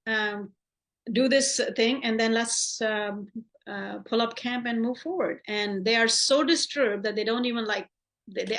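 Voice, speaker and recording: A woman's voice: mid-range voice, fairly bright tone. Woman teaching a class, chatty and unscripted. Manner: conversational, many restarts, acts out quoted dialogue. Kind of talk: informal class lecture.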